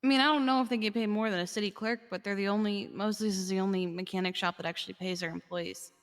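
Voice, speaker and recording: A woman's voice: medium pitch, steady tone, fast talker, in a large hall, lightly acted. A woman playing an easygoing, agreeable customer in a casual game role-play, hesitant and repeating phrases. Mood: hesitant, explaining.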